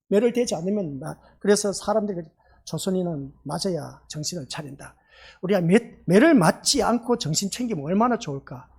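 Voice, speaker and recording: A man's voice: high-pitched, slightly rough. A male pastor preaching a Sunday sermon in a church, emphatic, often turning to the congregation with rhetorical questions. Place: church sanctuary.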